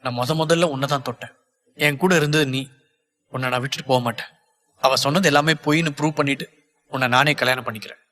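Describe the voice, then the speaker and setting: A man's voice: medium pitch, fairly even intonation, fast, long pauses, pushed and bright, long reverb tail, lightly acted. A man voicing a cornered young man who pleads with his lover to trust him, in an audiobook. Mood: pleading. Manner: earnest, pleading, reassuring.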